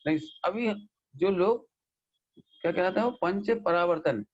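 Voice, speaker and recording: A man gives a lively scripture discourse, scolding and questioning his listeners. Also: high-pitched, a little slow, breathy edge, dull audio. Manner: animated, scolding, mimics listeners and asks them questions. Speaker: Jain scholar giving a scripture discourse. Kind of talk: sermon.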